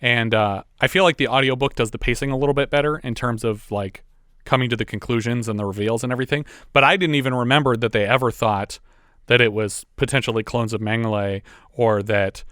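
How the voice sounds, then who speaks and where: A man's voice: mid-range voice, steady tone, brisk, fairly bright tone, no room sound, clean studio sound. A man co-hosting a podcast, casually recapping a movie's plot with chatty asides. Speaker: podcast co-host.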